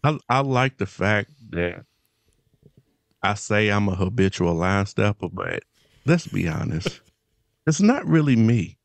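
A man's voice: fairly low pitch, sing-song, takes it slowly, vocal fry, pauses often, no echo. A man hosting a podcast in casual chat, joking and laughing as he moves things along.

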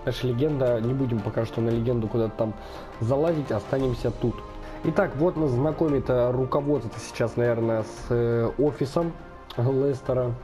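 Over music, a young gaming channel host gives casual let's-play commentary on a football management game. His mid-range voice holds a steady tone at normal speed, but being slightly ill makes it sound a bit off. He thinks aloud, filling gaps with lots of fillers.

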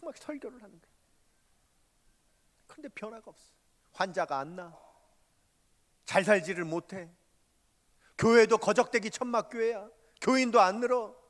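A man's voice: sits high, normal speed, long pauses. A male pastor preaching a sermon and telling a story with emphatic, dramatic delivery. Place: church sanctuary. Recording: long church hall reverb.

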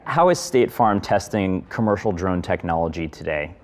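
A young man hosting a business interview, calmly asking short prepared questions into a lapel mic on a studio set. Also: low-pitched, moderate pace. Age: young adult. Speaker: interviewer, company CEO.

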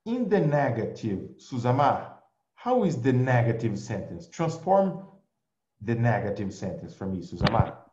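A man from Brazil teaching English in an online class, switching between Portuguese and English and slowing down for example sentences. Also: medium pitch, a little hiss or hum. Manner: lively, drills words for repetition, slows down for examples. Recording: echoey, dull lo-fi audio.

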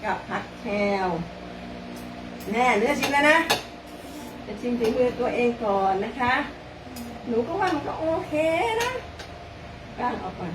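An older woman with a high voice chats and coaxes her mother through home exercises, counting aloud and laughing easily. She is recorded from a distance in a roomy space, with clear background noise around her. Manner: chatty and coaxing, counts aloud and laughs often. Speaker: host, daughter of her mother. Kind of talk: casual home vlog, guiding exercises. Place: indoors at home.

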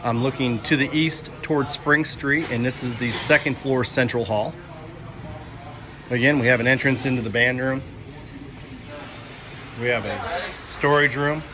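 Holding a phone as he films, a man acting as school superintendent tours an indoor site without a script, explaining things in a matter-of-fact way. His mid-range voice is measured, with frequent pauses. Loud construction noise runs under the recording.

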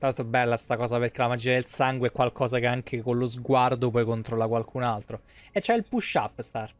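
This man from Italy streams games live, chatting in a colloquial, meandering way right into a desk microphone. The small indoor room gives no echo, and his medium-pitched voice runs a little fast.

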